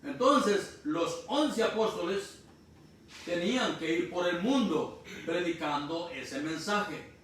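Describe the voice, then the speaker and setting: A man from Honduras preaching a sermon, explaining slowly and repeating key phrases. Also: high voice, animated, fairly bright tone. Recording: distant mic in echoey room, faint noise.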